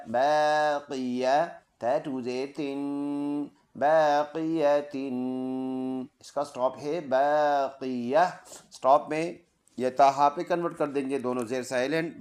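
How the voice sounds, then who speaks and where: A man with a steady, slightly dark mid-range voice teaches Quran reading at a slow pace, and the room around him echoes. He breaks every word into letters and vowels first, then recites the verse in full.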